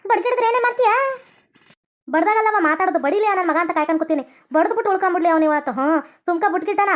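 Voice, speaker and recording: A woman voicing a feisty, foul-mouthed young daughter-in-law in a cartoon, with a North Karnataka accent and a sharp, scolding manner. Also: very high-pitched, fast, highs cut off. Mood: threatening. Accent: North Karnataka Kannada.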